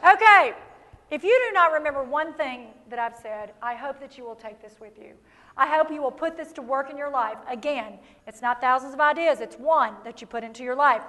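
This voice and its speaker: A woman giving a lively, punchy motivational keynote to a live audience, calling for responses. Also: high-pitched. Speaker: motivational speaker. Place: large hall before an audience. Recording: long reverb of a large hall.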